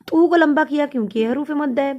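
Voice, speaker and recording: A woman teaching tajweed step by step, explaining each sound before reciting it slowly and drawn out. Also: high-pitched, darkish tone, lo-fi sound. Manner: patient, step-by-step. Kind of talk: tajweed lesson with slow recitation.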